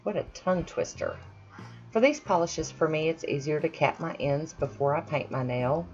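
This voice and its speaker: In a voice-over from her home manicure station, a woman paints her nails and chats casually, making self-deprecating jokes and friendly asides. The nail art vlogger has a deep, darkish voice at normal speed, with highs cut off and faint background music.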